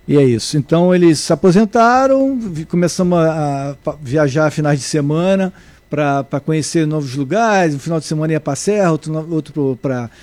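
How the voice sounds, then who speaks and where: A middle-aged man from Brazil, a guest surfer and surf instructor, answering interview questions in a halting way with many restarts. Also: fairly high pitch, darkish tone, no echo. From Brazil (born in Salvador, raised in Niterói). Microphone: remote mic, at first too far away.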